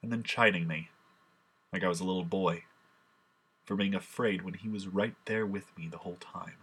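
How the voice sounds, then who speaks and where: A man voicing a grieving, ashamed apostle in a dramatic monologue, his voice very deep and husky yet bright-edged. He recites in a solemn, impassioned way, full of remorse. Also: fairly even intonation, normal speed. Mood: sorrowful. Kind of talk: dramatic first-person monologue.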